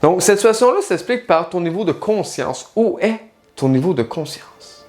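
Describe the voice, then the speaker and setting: A man's voice: high-pitched, expressive, moderate pace, darkish tone, soft background music. A man, a life coach and spiritual guide, speaking in a casual direct-to-camera monologue, talking straight to the listener and asking many rhetorical questions.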